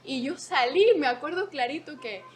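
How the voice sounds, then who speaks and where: A woman in her twenties, a podcast guest, telling stories in an animated way, laughing often and acting out quotes. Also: high voice, moderate pace. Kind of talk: casual storytelling.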